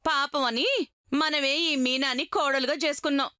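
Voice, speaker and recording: Sneering middle-aged mother-in-law, high voice, bright tone, TV serial drama. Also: steady tone, normal speed. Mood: scornful. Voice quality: sneering, scolding. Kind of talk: TV serial acting.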